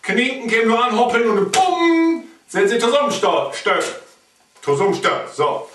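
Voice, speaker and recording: A man's voice: very high-pitched, big pitch swings, measured pace, fairly bright tone, a little hiss or hum. A man with an East Frisian accent telling a playful comic story, chuckling as he goes. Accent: East Frisian German. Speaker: comedian. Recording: echoey room, mic at a distance.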